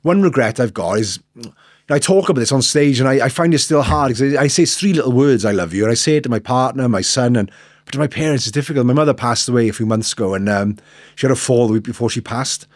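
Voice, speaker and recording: A man's voice: mid-range voice, quick pace, dry recording, clean studio sound. A middle-aged man with a South Wales accent, telling his personal story candidly and earnestly, repeating phrases and acting out remembered conversations. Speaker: interview guest, motivational speaker.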